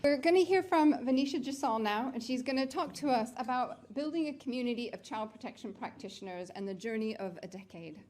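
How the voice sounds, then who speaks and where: Higher-voiced woman hosting before an audience, noisy recording. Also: expressive, a little fast, hardly any pauses, a little mellow. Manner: addressing an audience, appreciative. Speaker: event host introducing speakers. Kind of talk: event introduction.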